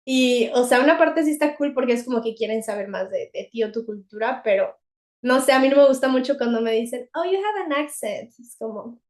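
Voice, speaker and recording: A young woman with a Mexican accent, co-hosting a podcast in a chatty, animated way and laughing often. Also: on the high side, fast talker. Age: young adult. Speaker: podcast co-host. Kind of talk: casual chat.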